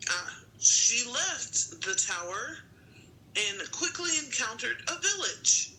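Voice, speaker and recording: A woman taking turns telling a story in a card game, easily excited and exclaiming with delight. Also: on the high side, slow pace, slight background noise, low-quality recording. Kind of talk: casual storytelling game play.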